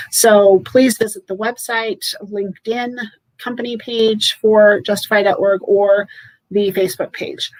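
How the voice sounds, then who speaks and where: A medium-pitched woman in her forties hosts a live political roundtable webcast from a room at home with shelves behind her. Heard through a webcam on a video call, the audio is dry and poor, and she is chatty and upbeat with many fillers.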